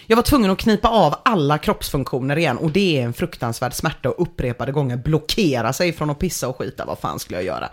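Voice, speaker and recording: A woman's voice: low-pitched, few pauses. A woman host reading a story aloud and commenting on it, laughing as she goes. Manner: animated, laughing through the story.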